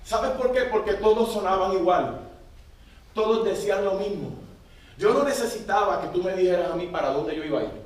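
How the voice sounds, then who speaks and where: High-voiced preacher in an echoey hall. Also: male voice, fairly quick. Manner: call-and-response preaching, urging the congregation to repeat phrases. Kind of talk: sermon. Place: large church hall. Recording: echoey church hall, mic at a distance.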